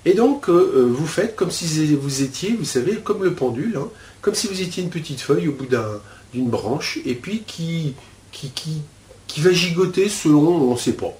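A spiritual teacher guides a listener through an inner exercise, rambling and hesitant, full of fillers and restarts. His voice sits a little high and is slightly mellow, with lively intonation at a moderate pace. The room echoes and carries faint ambience.

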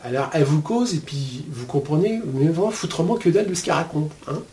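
A man teaching spiritual ideas to his viewers in a casual, colloquial way, with a steady stream of "hein" and "euh". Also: fairly high pitch, fast, a little hiss or hum. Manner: chatty, explains with homely metaphors.

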